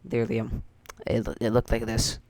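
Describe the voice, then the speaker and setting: A man's voice: on the low side, completely flat delivery, fairly quick, darkish tone, no echo, studio quality. A teenage boy telling a story on his vlog in a casual, rambling and sarcastic way with crude jokes. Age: teens. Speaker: YouTuber.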